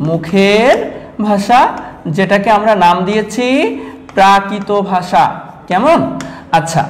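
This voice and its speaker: A man from Sylhet teaching an online class, asking students repeated questions and addressing them directly. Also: sits high. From Sylhet, Bangladesh. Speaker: Bengali teacher.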